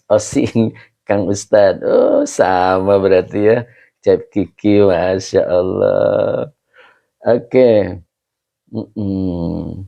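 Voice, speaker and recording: A middle-aged man, an Islamic preacher casually chatting through viewer comments on a livestream with chuckles and drawn-out exclamations. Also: on the low side, gravelly, warm tone. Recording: slightly dull lo-fi livestream audio.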